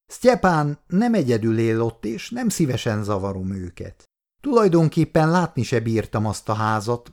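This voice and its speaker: A man voicing a kind, weary old man in a wheelchair in an audiobook, speaking calmly and gently. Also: mid-range voice.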